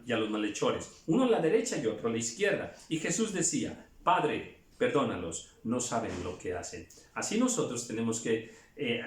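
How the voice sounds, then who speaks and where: A man preaching a sermon, reading scripture aloud with dramatic emphasis and adding quiet reflective asides. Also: on the high side, reverberant. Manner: dramatic reading, raising his voice for quoted shouts, soft asides.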